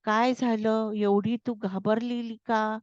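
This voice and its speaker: A woman voicing a calm, kindly old grandmother in a storybook reading, on a dull, dry recording. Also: on the high side, slow, clean tone, no room sound.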